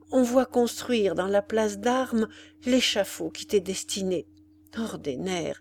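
A woman's voice: medium pitch, a little mellow, a little hiss or hum, lightly acted. A woman reading aloud, voicing a desperate young woman who pleads with her beloved in an impassioned, tearful way.

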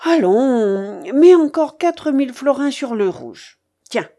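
A woman's voice: high voice, lively intonation, slow pace, warm tone, voice pushed up, heavily acted. Woman voicing an imperious, hot-tempered old grandmother. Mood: pleading, demanding. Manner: bossy, barking orders. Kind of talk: audiobook character voice.

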